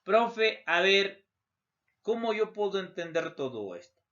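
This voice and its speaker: A man's voice: high voice, very animated, slow, fairly bright tone, heavily acted. A man voicing a curious male student who puts informal questions to his teacher. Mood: puzzled. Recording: dull lo-fi recording.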